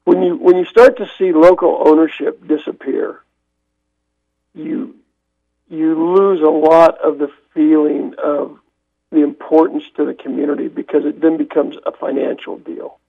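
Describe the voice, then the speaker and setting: A man's voice: a little high, flat delivery, unhurried, creaky. Older man rambling over a tinny phone line. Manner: rambling with many restarts. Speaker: veteran newspaper man as radio guest. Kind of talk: casual radio call-in chat. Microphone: telephone.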